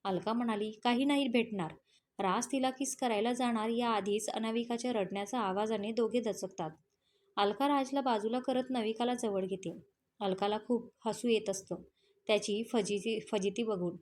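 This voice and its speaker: Higher-voiced woman narrating a romance story. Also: a little mellow, a little hiss or hum. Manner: gives the characters' lines with only light changes of voice. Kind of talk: reading a romance story aloud.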